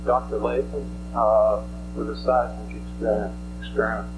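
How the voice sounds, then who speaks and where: A man asking questions as a reporter at a press conference, formal and a little halting. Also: on the low side, little pitch movement. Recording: noisy archival audio with mains hum.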